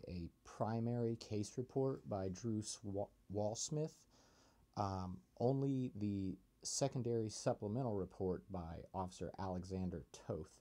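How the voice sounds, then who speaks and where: A man leaving a voicemail, hesitant with many ums, reading numbers out slowly over the telephone. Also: fairly low pitch, warm tone. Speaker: caller.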